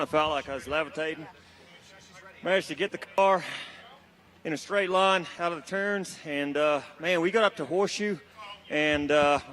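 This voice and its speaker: A man's voice: fairly high pitch, a bit bright, a little hiss or hum. Laid-back, joking race driver man. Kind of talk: casual interview. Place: outdoors at a race finish line.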